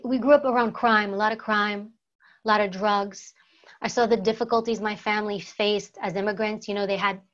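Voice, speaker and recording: Against a plain studio backdrop, a former Secret Service agent from the United States recounts her life in an interview with sincere, repetitive emphasis. She speaks at a medium pitch with a fairly bright tone, and the recording has a slightly muffled, lo-fi quality.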